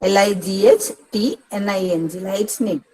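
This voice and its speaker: A woman from Kerala, India, speaking with a Malayali accent, tutors English pronunciation for an exam, mixing Malayalam and English as she explains each step and repeats key words. Her medium-pitched voice is mellow and fairly even in intonation, and she speaks slowly. The recording is rough.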